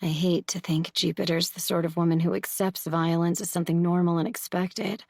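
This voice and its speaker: A woman reading a thriller audiobook as first-person narrator, in a measured, storytelling manner. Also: lowish voice, flat delivery, darkish tone, no echo, clean studio sound.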